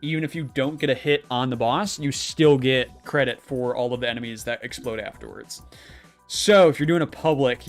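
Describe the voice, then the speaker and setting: A man with a medium-pitched voice livestreams while playing a game, chatting casually over the gaming stream. His talk is full of fillers, restarts and chuckles.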